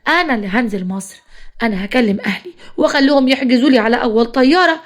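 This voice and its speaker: A woman's voice: a little high, racing, lightly acted. A woman voicing a young pregnant wife who complains and pleads with her mother-in-law, with an Egyptian accent. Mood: aggrieved.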